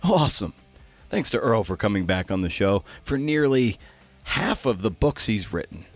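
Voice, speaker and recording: A man in his forties hosts a solo podcast over music, thinking aloud in a casual, conversational, self-questioning monologue. His voice sits on the low side with big pitch swings, at a normal speed.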